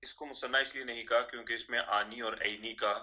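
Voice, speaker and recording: Bright-voiced male student answering. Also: medium pitch, fairly even intonation, muffled recording. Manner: short, respectful replies. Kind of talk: answering a teacher's questions.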